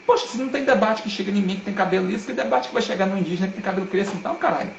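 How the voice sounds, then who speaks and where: Appearing as a guest on a live stream, a man talks casually but earnestly and emphatically, with plenty of slang. His voice is high-pitched with vocal fry, and he speaks rapid-fire. The audio is dull, with a roomy echo and slight background noise.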